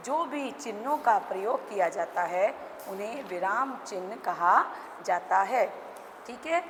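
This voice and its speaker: Teacher woman, slightly high voice. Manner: explains slowly, repeats example sentences, mixes in English words. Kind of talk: recorded Hindi grammar lesson for children. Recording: noisy recording with clicks.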